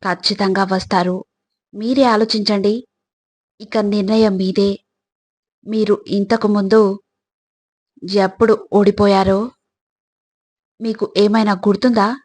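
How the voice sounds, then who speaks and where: A woman delivers scripted motivational narration at medium pitch, flat and a little mellow in tone. She addresses the listener directly, taking a deliberate, instructive approach.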